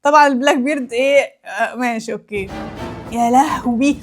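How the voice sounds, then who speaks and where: Quick, high-pitched Egyptian woman reacting. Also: faint music behind. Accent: Egyptian Arabic. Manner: exclaiming, teasing, laughs often. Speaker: anime YouTuber. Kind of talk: reaction commentary.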